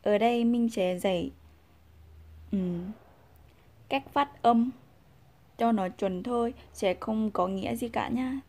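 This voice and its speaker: A woman whose first language is Vietnamese gives a casual language lesson, patiently repeating example sounds and pausing with fillers. Her voice is a little high with a dark tone.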